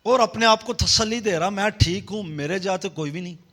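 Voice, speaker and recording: A man preaching a sermon, leading the congregation in call-and-response and swinging between loud emphasis and soft low passages. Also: normal speed. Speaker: pastor.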